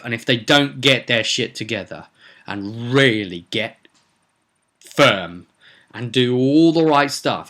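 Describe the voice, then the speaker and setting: A man with a bright, mid-range voice and a forceful tone recaps a roleplay session for viewers as the game master. The casual vlog is rambling and conversational, punctuated by some dramatic emphasis.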